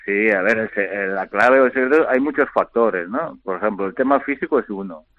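A middle-aged man, a retired basketball player, answering interview questions by phone in a halting way, repeating words and filling pauses. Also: lowish voice. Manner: halting, repeats words often, many fillers. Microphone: telephone. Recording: tinny phone line.

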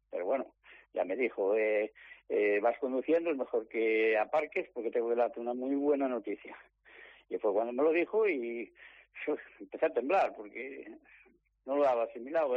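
A man, a lottery ticket seller, telling his story in lively detail and acting out the dialogue. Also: medium pitch, dry recording. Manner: animated storytelling, acts out quoted dialogue. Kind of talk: interview on the phone. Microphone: phone. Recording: dry phone line.

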